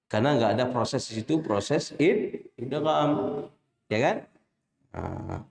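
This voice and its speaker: A man with an Indonesian accent teaching Quran recitation, drilling letter names slowly and quizzing his students with short questions. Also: mid-range voice, expressive, creaky, darkish tone, roomy sound. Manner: chants drawn-out letter names when demonstrating. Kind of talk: classroom lesson with call-and-response recitation.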